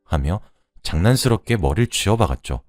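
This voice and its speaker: A man's voice: deep voice, expressive, fairly quick, darkish tone, no room sound, studio quality. A man reading out a first-person true story as scripted narration.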